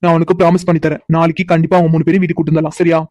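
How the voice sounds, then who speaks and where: A cocky, stubborn young man in a cartoon story, voiced by a woman, who teases and mocks without letting up. He speaks very fast in a low, flat, mellow voice. The recording is dry and close. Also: dry recording, close to an everyday voice. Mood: teasing. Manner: teasing, insistent, mocking. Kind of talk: cartoon voice acting.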